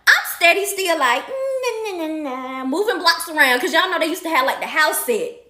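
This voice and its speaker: A young woman from Georgia telling a comedic story, animated and slangy with playful asides, in an echoey room. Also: very high voice, fairly quick. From Athens, Georgia.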